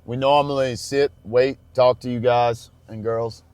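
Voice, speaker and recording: A man's voice: medium pitch, fairly even intonation, unhurried, darkish tone, smooth, dry recording. Chatty man vlogging from his truck. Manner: chatty, addresses viewers as y'all. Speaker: travel vlogger driving. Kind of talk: casual road-trip vlog talk. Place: inside a moving truck.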